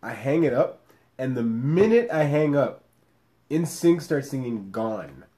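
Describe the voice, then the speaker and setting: A young adult man co-hosting a podcast, telling a story in casual chat with lively, laughing energy. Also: mid-range voice, a little slow. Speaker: podcast co-host.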